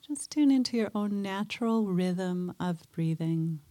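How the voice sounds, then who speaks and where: Slow, soft-spoken woman guiding meditation. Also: mid-range voice, lively intonation. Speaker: meditation teacher. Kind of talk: guided mindfulness meditation.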